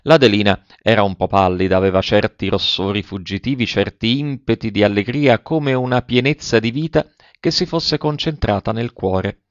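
A man narrating a literary audiobook in a measured, expressive reading. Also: on the low side, no echo. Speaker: audiobook reader. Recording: dull, dry, lo-fi recording.

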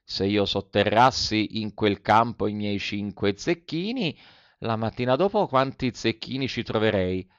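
A man voicing a naive, excitable wooden puppet boy who speaks eagerly. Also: lowish voice, unhurried, clear, resonant tone, dry recording, muffled recording. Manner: eager, wide-eyed.

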